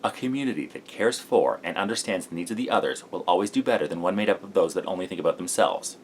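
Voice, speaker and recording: A man's voice: low voice, animated, quick pace, a little hiss or hum. A sleep-deprived man, a vlogger, delivering a scripted explanatory monologue.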